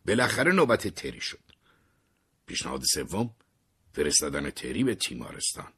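Young man, very low voice, breathy and husky, measured story narration. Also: big pitch swings, pushed and bright. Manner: measured, dropping to unvoiced whispers in tense moments.

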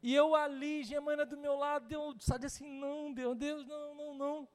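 A man's voice: extremely high pitch, little pitch movement, brisk, long reverb tail. A man with a Brazilian Portuguese accent preaching a sermon in a church, telling a personal story with humor and acting out the dialogue. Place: church hall.

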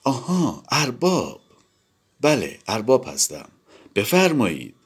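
A man's voice: medium pitch, huge pitch swings, slightly rough, voice pushed up, heavily acted. A man voicing a wary young widow in a read-aloud story, asking short cautious questions. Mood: soft. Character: wary young widow, guarded then softly inviting.

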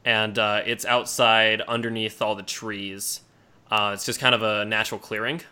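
Bright, clear-voiced man as game master. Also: on the low side, flat delivery, normal speed. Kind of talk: improvised tabletop game narration.

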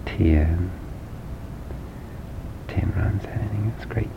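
A man's voice: slow, creaky. A man telling a playful made-up bedtime story, adding sound effects and asking the listener questions. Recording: dull lo-fi home recording with faint rumble.

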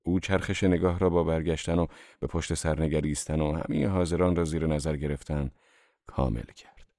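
A man narrating a novel as an audiobook in a steady, measured reading. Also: extremely low pitch, dry recording, clean studio sound.

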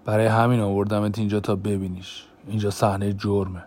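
A man voicing a brooding adult man who bluntly reveals a dark family secret, in a tense, raised voice, in an audiobook. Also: on the low side, flat delivery, close to an everyday voice.

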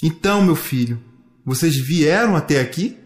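A man voicing the Creator, a gentle fatherly divine being who asks calm questions. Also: a little high, normal speed, lightly acted. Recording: echoey room.

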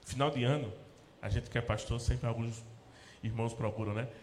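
A man with a Brazilian Portuguese accent, a pastor preaching a sermon in church, rising to loud emphatic peaks and dropping to soft, low asides. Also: steady tone, a little fast, slight background noise. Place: church sanctuary. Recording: echoey church hall with long reverb.

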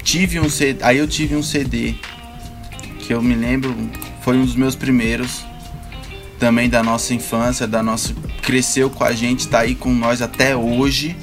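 Brazilian man in relaxed slangy conversation, mid-pitched. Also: unhurried, over music. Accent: Brazilian Portuguese. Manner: slangy, informal. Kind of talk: casual chat.

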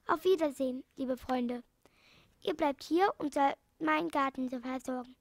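A woman reading the part of a kind old male animal doctor in a gentle, reassuring way. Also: high-pitched, moderate pace, dry recording, studio quality. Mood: kindly.

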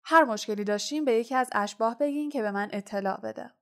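A woman reading a storybook voices an old male headmaster wizard giving calm, measured instructions. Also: on the high side, lightly acted.

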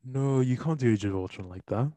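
A man hosting a podcast, chatting playfully with mock-formal lines and excited storytelling. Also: medium pitch, a little fast, no echo. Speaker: podcast host. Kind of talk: casual chat.

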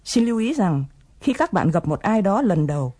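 A woman's voice: mid-range voice, big pitch swings, moderate pace, mellow, husky. A woman presenting an English lesson, explaining phrases patiently and coaxing learners to repeat them.

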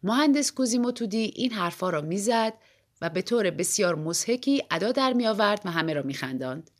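Brief: woman narrator with an animated storytelling read, mid-range pitch. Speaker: audiobook reader.

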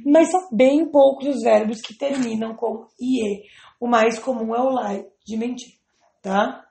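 A woman's voice: a little high, gravelly, mellow, a little hiss or hum. Woman teacher spelling out rules, roomy echo. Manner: patient, spells out letters slowly. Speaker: English teacher. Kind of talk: explaining grammar to students.

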